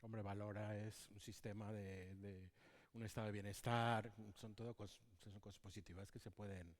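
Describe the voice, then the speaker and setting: Un hombre español que modera una conversación en un congreso, asintiendo a menudo y guiando las preguntas. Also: male voice, on the low side, level tone, normal speed. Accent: Spanish from Spain. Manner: frequent short agreement, steers questions. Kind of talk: conversational panel talk. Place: conference hall.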